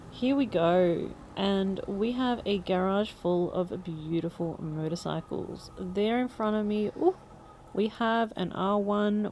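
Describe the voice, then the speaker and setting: Loud motorbike and traffic noise surrounds a woman's voice, recorded on a mic inside her helmet. She speaks at an average pitch for a woman. Her delivery is a chatty, upbeat running monologue for a riding vlog. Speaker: motorcycle tour guide and vlogger. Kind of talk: motovlog monologue while riding.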